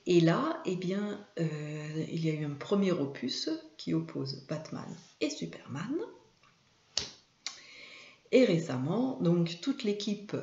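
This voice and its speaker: A woman hosting her own video, explaining at an unhurried pace and pausing often on filler sounds. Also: on the low side, lively intonation, a little mellow, echoey room, lo-fi sound. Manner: hesitant, many filler sounds. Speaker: video host and image consultant. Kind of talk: informal talk to camera.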